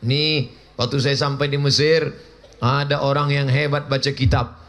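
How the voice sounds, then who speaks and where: A man's voice: mid-range voice, little pitch movement, moderate pace, a bit bright. A man in his forties preaching a humorous religious lecture to a live audience, telling jokes and stories and turning to the crowd with direct questions. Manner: joking, storytelling, addresses audience directly.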